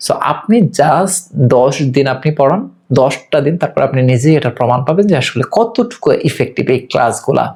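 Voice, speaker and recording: A man leads an online English lesson in a mid-pitched voice. He drills vocabulary patiently, repeating words over and over, and fills his pauses with hesitant sounds. He is candid about what he does not know. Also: expressive, darkish tone. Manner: slow repetitive drilling of words, many filler pauses; candid, admits gaps in his own knowledge. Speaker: English teacher. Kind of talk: online course lecture.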